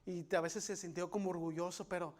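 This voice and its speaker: A man's voice: high voice, level tone, darkish tone. A middle-aged man, a pastor giving a confessional testimony sermon, full of fillers, restarts and appeals to his brothers. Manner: halting, with many fillers and restarts; confessional, addresses listeners as brothers.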